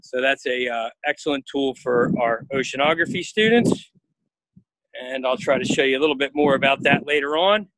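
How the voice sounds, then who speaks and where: On a dock and aboard a workboat outdoors, a man in his forties from the marine field station walks viewers through a live tour, casual and halting, with plenty of pauses and "uh"s. His mid-range voice is slightly bright. He films on a phone at arm's length, giving poor audio with no room sound.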